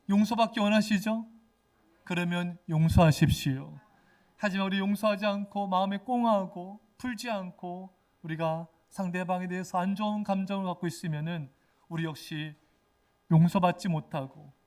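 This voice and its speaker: Male pastor, middle-aged, high-pitched, emphatic sermon delivery. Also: a little mellow. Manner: emphatic preaching, acts out quoted speech.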